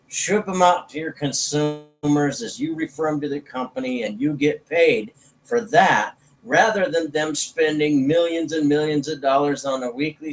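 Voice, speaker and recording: A man with a slightly high voice gives an informal sales presentation as a network marketing promoter, speaking in a folksy, persuasive way. The recording is rough.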